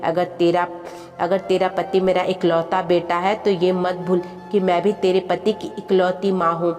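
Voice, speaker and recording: A woman's voice: fairly low pitch, level tone, moderate pace, a little mellow, natural voice. A woman reading the part of an elderly mother who is hurt but firmly stands up to her daughter-in-law in a storybook tale, with music and reverb behind. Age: older. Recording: long reverb with background music.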